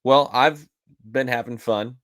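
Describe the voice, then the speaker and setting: A man co-hosting a casual podcast, talking in a relaxed, rambling way and laughing easily. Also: medium pitch, a little slow, dry recording, clean studio sound. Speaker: podcast co-host, real estate agent.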